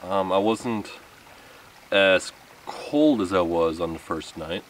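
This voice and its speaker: Speaking slowly in a low voice, a thirty-something man chats casually to camera for his camping vlog, rambling somewhat and teasing himself. The setting is an outdoor wooded campsite. His camera stands a few metres away, so the distant mic picks up background noise from outside.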